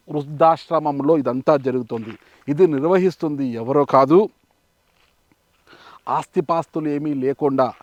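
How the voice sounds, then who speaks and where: A middle-aged man, a journalist host, interviewing and narrating a field report in a gentle, measured way. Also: a little high, no room sound. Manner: gentle, consoling, measured delivery.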